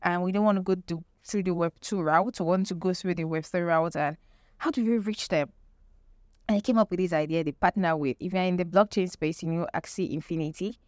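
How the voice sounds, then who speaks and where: A woman's voice: lowish voice, a little fast, darkish tone, dry recording, studio quality. A woman presenting an explanatory lesson with tips, emphatic, repeating key phrases and posing rhetorical questions. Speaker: presenter teaching marketing tips.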